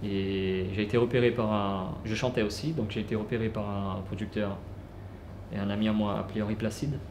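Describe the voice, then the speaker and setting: A man telling his life story casually, unhurried, with many fillers and restarts. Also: on the low side, flat delivery. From French Guiana. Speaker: musician. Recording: roomy with clear background noise.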